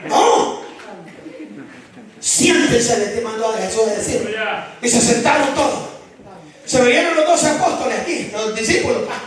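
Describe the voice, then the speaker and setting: A man preaching a sermon as pastor, fervent, often shouting and joking with the congregation. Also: extremely high pitch, moderate pace, distant mic. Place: large church hall. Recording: very echoey hall with congregation, voice from afar.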